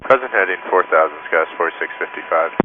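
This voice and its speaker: A pilot over the radio, a man reading back instructions in short, clipped bursts. His voice sits very low and moves briskly. It comes through a tinny, hissy radio channel. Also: animated. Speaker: airline pilot.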